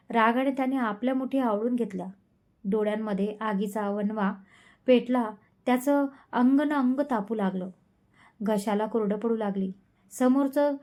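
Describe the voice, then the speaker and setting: A woman's voice: fairly high pitch, dark tone. A woman storyteller reading an emotional love story in a dramatic, emotive way. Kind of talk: scripted emotional narration.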